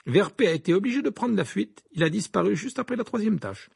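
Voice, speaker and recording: A man's voice: high voice, expressive, fast talker, creaky, breathy edge, pitched above the performer's own voice, exaggerated voice. A man voicing an aggrieved teenage twin boy in an audiobook, recounting a grievance with rising exclamations.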